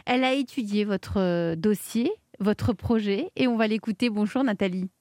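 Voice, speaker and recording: A woman's voice: medium pitch, normal speed, no room sound, studio quality. Chatty woman co-hosting live radio. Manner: lively, chatty, prompting. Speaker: radio co-host. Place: radio studio. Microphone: studio mic.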